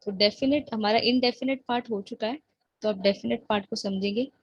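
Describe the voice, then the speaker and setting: Woman, grammar teacher, husky voice, dry close sound, patient slow explanations. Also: fairly high pitch, no echo, dull audio. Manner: patient, explains slowly, checks in with the listener often; reads example sentences very slowly. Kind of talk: explanatory online lesson.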